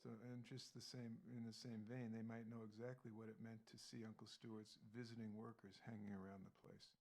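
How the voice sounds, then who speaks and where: A man's voice: fairly low pitch, flat delivery, a little fast, a little mellow, soft background music, poor audio. A man co-hosting a true crime podcast, recounting case details in a matter-of-fact way.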